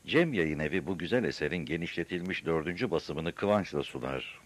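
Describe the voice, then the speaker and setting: A man narrating an audiobook in a recording studio, lively storytelling. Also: sits low, fairly quick. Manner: lively storytelling, voices the characters. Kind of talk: scripted narration.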